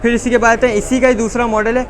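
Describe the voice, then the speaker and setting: A man with a Pakistani accent selling phones in an insistent teleshopping-style pitch, repeating prices and stock phrases as he runs through models. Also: level tone, fast. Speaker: phone seller. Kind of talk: rapid sales pitch listing models and prices. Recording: busy street noise and chatter.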